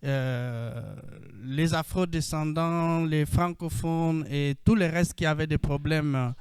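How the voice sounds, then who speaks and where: A man from the Democratic Republic of the Congo with a Congolese French accent, introducing himself on a panel in a measured way with frequent hesitations over a video call. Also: on the high side, steady tone, a little mellow, clear, resonant tone, no echo. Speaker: panelist, co-op founder.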